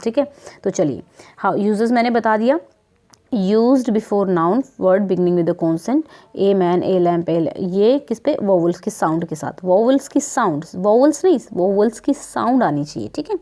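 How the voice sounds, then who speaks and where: An Indian woman teaching an English grammar lesson at an unhurried pace. Her voice is mellow and soft-edged. She keeps repeating example words and checking that her pupils follow. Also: medium pitch, lively intonation. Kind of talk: worksheet lesson explained in Hindi.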